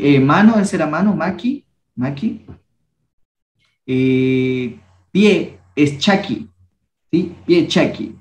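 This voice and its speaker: A young man leads a language class, speaking slowly and patiently and repeating each word for his students. His voice sits a little high for a man, and the recording carries an echoey room. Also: a little mellow. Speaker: language workshop teacher. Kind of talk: teaching a class.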